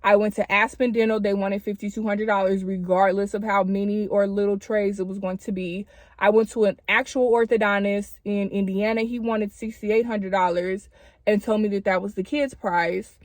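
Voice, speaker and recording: A woman's voice: mid-range voice, no room sound. A woman talks casually to her viewers as a vlogger, using informal, girlfriend-like slang. She is wearing retainers as she speaks, which slightly impedes her words. The sound is close and dry, with a mid-range voice. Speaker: video creator addressing subscribers. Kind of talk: casual chatty vlog talk to camera.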